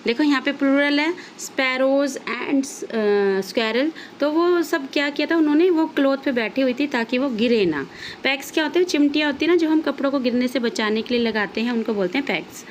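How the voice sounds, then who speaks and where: A woman's voice: high-pitched, normal speed, a little hiss or hum. A woman teacher with an Indian English accent, patiently explaining a lesson and answering her own questions. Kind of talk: online class lesson.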